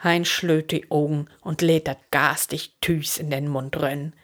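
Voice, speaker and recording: A woman reading a story aloud, switching to high, excited voices for the boys' dialogue. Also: measured pace. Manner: lively, shifts into high excited voices for the boys.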